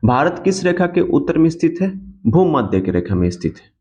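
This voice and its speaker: A man's voice: on the high side, big pitch swings, brisk, a little mellow. A man teaching an exam coaching lecture, who repeats key points and asks and answers his own questions. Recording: dull lo-fi sound.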